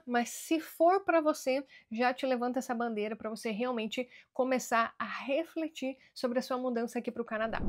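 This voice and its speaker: A Brazilian woman giving earnest immigration advice straight to camera in a vlog, slowing down to stress key words. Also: high-pitched. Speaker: immigration vlogger.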